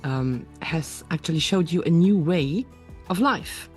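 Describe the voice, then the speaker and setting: A woman hosts an online talk show over a video call. She chats in a friendly, easy way. Her voice sits low, with faint music behind it. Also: animated, a little slow, darkish tone. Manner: friendly, laughing, with fillers. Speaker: host. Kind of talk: casual interview talk.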